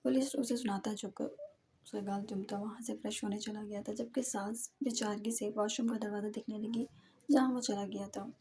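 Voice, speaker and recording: A woman narrating a romance audio novel in steady storytelling style. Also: mid-range voice, normal speed, a little hiss or hum.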